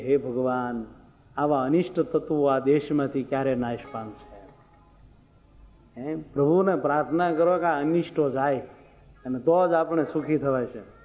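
A man, giving a moral sermon full of folk anecdotes and rhetorical questions to his listeners. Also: on the high side. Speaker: preacher. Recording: phone-like sound, long hall reverb.

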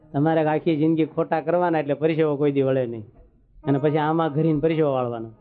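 A man preaches in a chatty, joking storyteller's way. His voice sits a little high. The sound is thin and phone-like, with faint music underneath. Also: fairly even intonation, fast. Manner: humorous, chatty, rustic storytelling. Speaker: religious storyteller. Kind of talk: folksy devotional sermon.

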